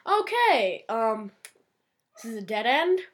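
A woman playing a reporter and interviewee in a mock news sketch, playful and a little halting. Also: fairly high pitch, sing-song.

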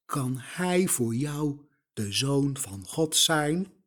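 A man preaching a sermon, slow and emphatic, putting rhetorical questions straight to the listener. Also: medium pitch, expressive, fairly bright tone.

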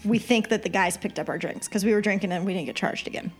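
Podcast lady telling a story, lively, does little voices for everyone, faint music behind. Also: medium pitch, fast talker, breathy edge. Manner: animated storyteller who acts out quoted people. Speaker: podcast co-host. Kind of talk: casual storytelling chat.

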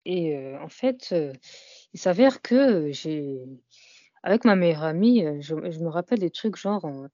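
Hesitant young woman, low and mellow. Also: lively intonation, measured pace, no room sound, lo-fi sound. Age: young adult. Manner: hesitant, many fillers and "tu vois" tags. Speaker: interview guest. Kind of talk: casual conversational interview.

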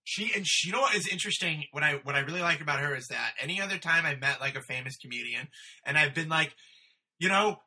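A fairly high, husky-voiced man co-hosting a podcast over a remote call. He chats loosely and bursts into exaggerated impressions of what people said. His tone is bright and forward. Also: fast. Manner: animated storyteller, acts out quotes in exaggerated voices. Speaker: podcast co-host. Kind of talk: casual chat. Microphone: remote call microphone.

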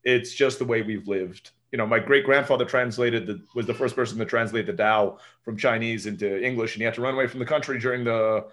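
He's a man in his forties with an American accent, though he grew up in Turkey speaking Turkish natively. As a guest in a casual interview, he rambles through stories in a steady, fairly bright mid-range voice, talking briskly with hardly any pauses and adding "right?" to his sentences.

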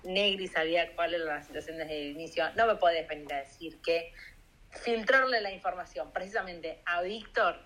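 A woman's voice: lowish voice, moderate pace, a bit bright, poor audio. A woman with an Argentine accent in a heated online voice-chat argument, scolding and insulting the others. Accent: Argentine Spanish.

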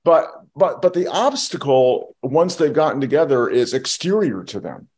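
A man's voice: medium pitch, lively intonation, normal speed, darkish tone, breathy edge. A man co-hosting a film podcast, talking through a movie in an explanatory, thoughtful way, with frequent restarts. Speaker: podcast co-host. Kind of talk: casual film discussion.

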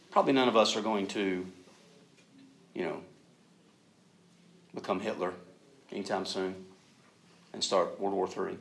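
A man in his forties preaching a sermon, telling self-mocking stories with loud, animated bursts of emphasis. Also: on the low side, gravelly, a little hiss or hum, poor audio. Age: 40s.

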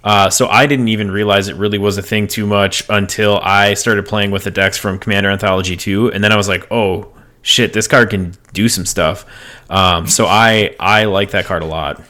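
Guy on a card game podcast, lowish bright voice, lots of ums. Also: moderate pace. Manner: relaxed, many fillers and restarts. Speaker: podcast co-host. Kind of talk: casual chat about card game decks.

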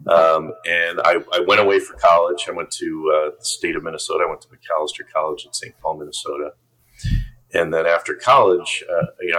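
A man's voice: sits low, fairly bright tone, poor audio. A man in his fifties from upstate New York, a podcast guest chatting casually and self-deprecatingly about his life. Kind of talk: casual interview chat.

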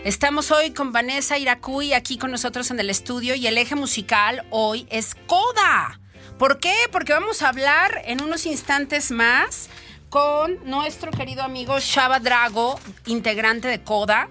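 Very bright-voiced Mexican woman hosting radio. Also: high voice, a little slow. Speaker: radio show host. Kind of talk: radio presenting and interviewing. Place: radio studio. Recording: music playing behind. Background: background music.

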